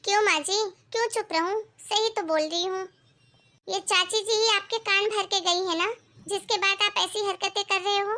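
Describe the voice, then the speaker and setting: A proud young daughter-in-law from a rich family talks back firmly in a bright, very high cartoon voice, as a woman plays her. She is assertive and defiant. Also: fairly even intonation, normal speed.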